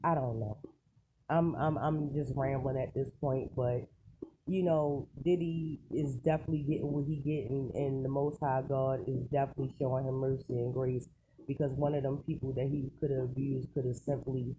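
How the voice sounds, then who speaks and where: The clearly noisy recording, marked by clicks, features an online celebrity news commentator speaking at normal speed in a mid-range, fairly even voice. They share rambling, casual opinions emphatically and colloquially, often posing rhetorical questions.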